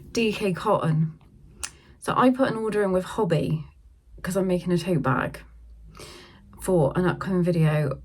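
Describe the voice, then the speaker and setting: A middle-aged woman chatting through a casual yarn haul, filmed on her phone at home and sometimes talking softly so a sleeping baby stays asleep. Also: on the low side. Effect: filmed on a phone camera. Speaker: craft vlogger.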